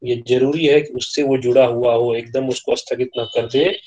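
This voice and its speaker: A man teaching an online class, speaking at a middle pitch in a measured, explanatory manner. He sounds like a lecturer walking students through definitions and steps. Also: steady tone, mellow, lo-fi sound. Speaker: college lecturer.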